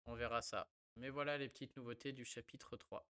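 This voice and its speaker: A man's voice: mid-range voice, fairly even intonation, fairly quick, sharp tone, clear, resonant tone. Guy rambling about his card game deck, lots of ums, mid voice. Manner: chatty, many fillers. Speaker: card game content creator. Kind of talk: casual gameplay commentary.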